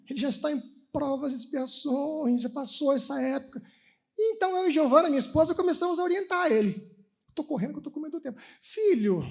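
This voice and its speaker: A Brazilian man in his thirties with a very high voice gives a spiritist talk to a conference audience. He tells personal stories with energy and acts out each bit of dialogue in the voices of the people involved. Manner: animated storytelling, acting out dialogue. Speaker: spiritist lecturer. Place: lecture hall at a religious conference.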